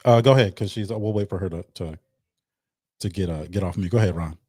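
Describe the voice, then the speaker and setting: A man's voice: deep voice, quick pace, a little mellow, breathy edge, no room sound. Guy hosting a live stream, chatty and loose, dry sound. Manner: loose, chatty, repeats words. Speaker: host. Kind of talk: casual livestream chat.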